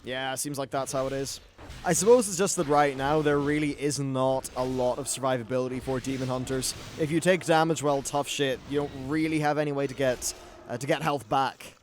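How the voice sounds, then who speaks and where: Game ambience and clear background noise sit behind a young gaming YouTuber's casual, chatty playthrough commentary, which includes mild swearing. He speaks at a medium pitch and a little fast.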